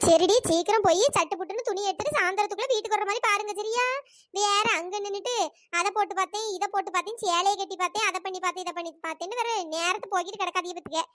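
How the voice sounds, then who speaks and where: A woman's voice: rapid-fire, fairly bright tone, no room sound, studio quality. A woman voicing a bossy elder village woman in a cartoon, nagging. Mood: scolding. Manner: scolding, nagging, squeaky cartoon voice. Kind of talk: cartoon dialogue.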